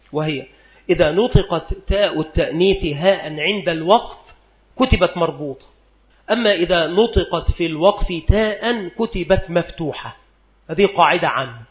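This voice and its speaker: High-voiced male teacher in a roomy room. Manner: repeats each rule and slows down to draw out examples. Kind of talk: recorded classroom lecture. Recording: roomy, dull lo-fi recording.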